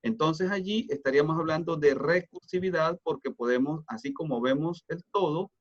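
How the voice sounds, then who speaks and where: A man's voice: fairly high pitch, normal speed. Male teacher, lo-fi call audio. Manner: explanatory, often checks understanding with tag questions. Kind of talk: online lecture. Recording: dull lo-fi online class audio.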